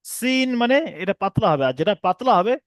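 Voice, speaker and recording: A man teaching an online reading class, who explains patiently and drags out each letter name slowly. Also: sits high, lively intonation, no echo. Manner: explains patiently, repeats letter names slowly with long drawn sounds. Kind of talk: recorded online class lesson.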